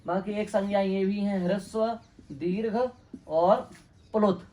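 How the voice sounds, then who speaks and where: A man's voice: high voice, fairly even intonation, slow, warm tone. A man teaching a Sanskrit grammar lesson, asking questions and answering them himself, repeating each term.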